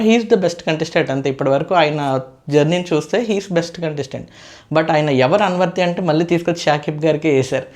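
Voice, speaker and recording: A man giving a casual, opinionated episode review as a show reviewer, chatty and mixing in English phrases. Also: a little high.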